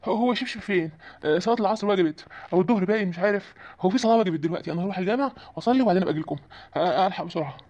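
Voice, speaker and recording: A man's voice: high-pitched, very fast, darkish tone, muffled recording. A man voicing a cowardly, panicky sheikh in a comic cartoon, with an Egyptian accent and a pleading, jittery way of talking. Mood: nervous. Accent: Egyptian Arabic. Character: cowardly middle-aged male sheikh, panicky. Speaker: sheikh called to drive out spirits.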